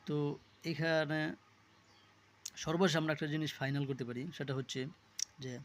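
A man's voice: fairly high pitch, steady tone, normal speed. A man teaching an exam-prep lesson, reading lists of words aloud with small self-corrections. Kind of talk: reading and explaining a word list for exam study.

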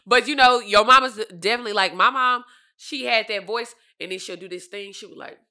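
A woman's voice: fairly high pitch, a little fast. A woman co-hosting a casual podcast, telling blunt, slangy stories with frequent laughter. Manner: animated storyteller, laughs often, slangy and blunt. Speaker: podcast co-host. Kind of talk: casual chat.

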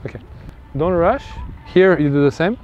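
Male tennis coach, fairly high voice, encouraging calls, dull lo-fi sound, faint outdoor noise. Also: animated, moderate pace, darkish tone. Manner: encouraging, short bursts of praise. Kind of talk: on-court coaching.

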